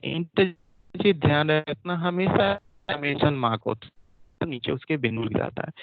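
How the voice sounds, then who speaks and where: A male teacher giving an online grammar class, repeating and drilling terms and asking quick questions. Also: on the high side, gravelly, dry recording. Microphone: computer mic, online class. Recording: dry, dull lo-fi online audio.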